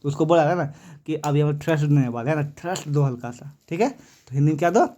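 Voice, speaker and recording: A man's voice: fairly high pitch, expressive, quick pace, warm tone. A young man with a Bihari Hindi accent teaching a physics lesson, often asking the students questions back. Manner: quizzes students with repeated questions.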